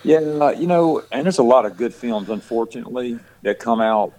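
Rough recording with a little hiss or hum carries a man's medium-pitched, dark-toned voice, lively in intonation and fairly quick. As an actor guest from Georgia, USA, with a Southern country accent, he chats casually on a podcast, rambling, restarting, repeating words, and often saying "you know."

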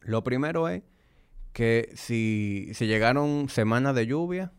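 A man's voice: mid-range voice, animated, takes it slowly, clear, resonant tone, no room sound, studio quality. A man hosting a podcast as a fitness trainer, talking conversationally and explaining things directly to the listener. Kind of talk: conversational solo podcast monologue.

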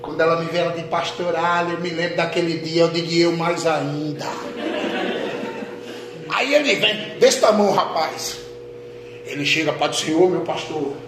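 A man, a pastor, telling a testimony in a sermon, dropping to a hush and rising to shouts. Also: fairly high pitch, fairly even intonation, normal speed. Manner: dramatic storytelling, swings from hushed to shouting. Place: church hall. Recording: echoey hall with noise.

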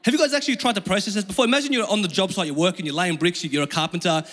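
Racing along in a high, fairly bright voice, a young Melbourne man preaches informally with slang, sharing personal stories in a conversational sermon. Chinese is his first language, though his accent is Australian, and his words carry a long hall reverb in a large room with listeners.

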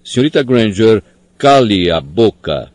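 A man's voice: on the low side, sing-song, unhurried, a little mellow, no room sound. A man doing a sneering cold professor. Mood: contemptuous. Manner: sneering, snarling. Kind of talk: audiobook character voice.

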